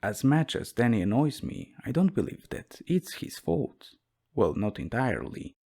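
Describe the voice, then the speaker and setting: A man's voice: medium pitch, very animated, moderate pace, warm tone, slightly rough. A man reading a horror story aloud as a narrator, with a dry, wry storytelling delivery.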